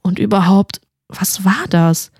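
A woman's voice: mid-range voice, slow, a little mellow, breathy edge, no echo, clean studio sound, heavily acted. A woman voicing a bold, brash young witch girl in a fantasy audiobook. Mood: relieved, puzzled.

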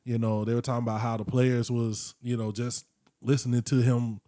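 A man in his late thirties talks in a loose, unhurried way, often stretching his words and dropping in slang. His voice is dark and mellow, recorded close in a dry room. It sounds like casual podcast talk among friends. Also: mid-range voice, little pitch movement, no echo. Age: 30s. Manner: reflective, drawn-out, slangy. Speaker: podcast co-host. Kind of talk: casual chat.

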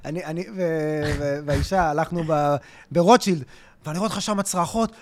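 A man's voice: a little high, slight background noise. A man co-hosting a podcast, bantering playfully in a casual chat. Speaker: podcast co-host.

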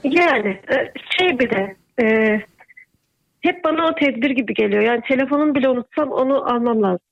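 Soft-spoken woman caller on a phone line. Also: sits high, expressive, a little fast, gravelly. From Van, Turkey. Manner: speaks softly and hushed. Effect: heard over a phone line with poor reception. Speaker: radio show caller. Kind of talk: casual phone chat.

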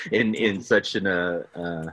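A man hosts a podcast interview in a chatty, self-deprecating way, laughing often. His voice is very low but bright. The sound is dry and close, with no room echo. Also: slow. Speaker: podcast host. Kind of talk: casual interview.

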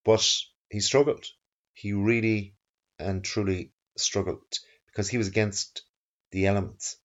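A man presents in a low voice at a slow pace, with measured, emphatic phrasing. He is introducing an interview as its host, and the sound is somewhat muffled. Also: fairly even intonation.

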